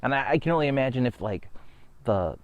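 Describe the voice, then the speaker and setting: A man's voice: mid-range voice, expressive, quick pace, lo-fi sound. A man hosting a motorcycle vlog, chatting casually in an outdoor recording. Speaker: motovlog host. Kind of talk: casual chat.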